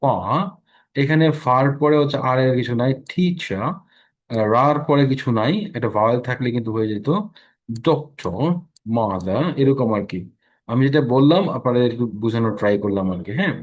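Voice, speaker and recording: A man with a Bangladeshi accent teaching English pronunciation in an online lesson, slowly explaining rules and repeating example words. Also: medium pitch.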